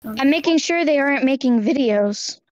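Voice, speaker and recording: Woman playing a high-pitched, doting, clueless dad. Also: lively intonation, dry recording. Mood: protective. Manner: halting, rambling, repeating phrases. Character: doting overprotective dad, clueless about trends, eager to seem hip. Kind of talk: amateur roleplay acting.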